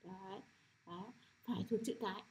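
A middle-aged woman teacher leading a children's phonics lesson, sounding out syllables slowly and often asking if the class has understood. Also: mid-range voice, a little mellow, slight background noise. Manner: repetitive, checks understanding with frequent "được chưa?".

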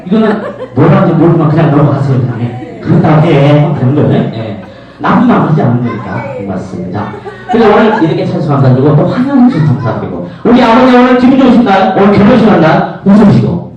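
A middle-aged man emceeing a lively party, joking with guests and leading the crowd in cheers. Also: on the high side, fast, highs cut off. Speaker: event MC. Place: banquet hall with live crowd. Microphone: handheld mic. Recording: echoey hall, from far off. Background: music and crowd noise.

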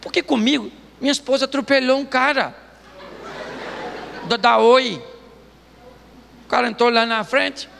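High-voiced, joking pastor. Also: male voice, measured pace, creaky, pauses often, a bit bright, long reverb tail, slight background noise. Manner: joking storytelling, laughing often. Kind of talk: humorous sermon. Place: church stage.

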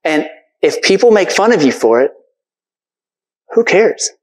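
A man's voice: sits high, very animated, a little slow, poor audio. Earnest man giving a casual sermon. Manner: earnest, conversational, many fillers. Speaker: preacher. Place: church stage.

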